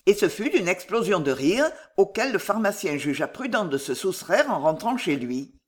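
A reader narrating a classic novel in an expressive audiobook style. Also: medium pitch, moderate pace. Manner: expressive reading.

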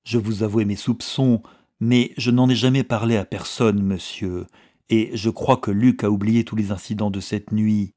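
A man reading the lines of an anxious young peasant wife, who speaks low and urgently. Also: fairly even intonation, normal speed, lightly acted. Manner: urgent and hushed.

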